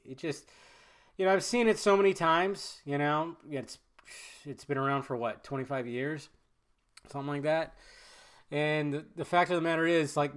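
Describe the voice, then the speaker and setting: A podcast host with a mid-range, fairly bright voice rambles through loose, casual chat full of fillers and restarts. He sounds nasal and stuffed up from a cold.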